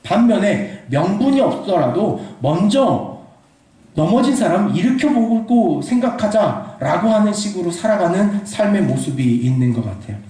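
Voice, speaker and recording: Animated man preaching in an echoey hall. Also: on the high side. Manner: animated, playful storytelling with quoted voices. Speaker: pastor. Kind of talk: sermon. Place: church sanctuary. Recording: echoey hall, distant mic.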